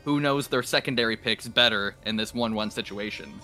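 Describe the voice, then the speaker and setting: A man's voice: fairly low pitch, fairly quick, sharp tone, faint music behind. A man from Canada casting a live game stream, explaining at length and laughing often. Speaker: esports caster. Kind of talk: casual live-stream commentary.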